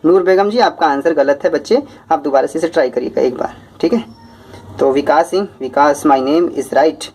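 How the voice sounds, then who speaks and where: Brisk, breathless teacher. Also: male voice, slightly rough. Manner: lively, talks fast, rises in pitch. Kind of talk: reading out viewer comments.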